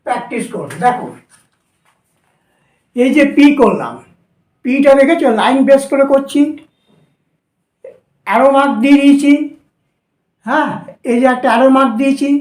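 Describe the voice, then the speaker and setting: A high-pitched woman with a Bengali accent walks students through shorthand strokes at the board, going over each step again and again. Her voice rings around an echoey room. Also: a little mellow. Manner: instructive, repeats steps patiently. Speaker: shorthand teacher. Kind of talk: whiteboard lesson for students.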